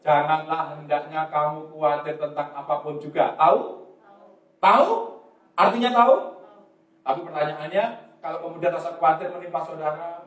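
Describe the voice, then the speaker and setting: A male pastor with an Indonesian accent delivers a lively sermon, coaxing his congregation to read aloud. His voice sits high and carries through an echoey church hall, picked up from some distance away.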